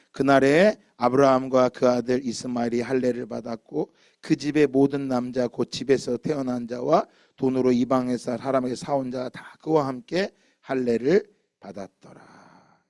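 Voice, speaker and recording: A man preaching a sermon as a pastor, asking the congregation questions and answering them himself, swinging between loud emphatic lines and quiet low ones. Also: no room sound, studio quality.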